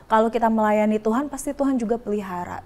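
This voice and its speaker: A woman's voice: on the high side, fast, darkish tone. A woman guest in a casual interview, speaking earnestly and hesitantly with many fillers.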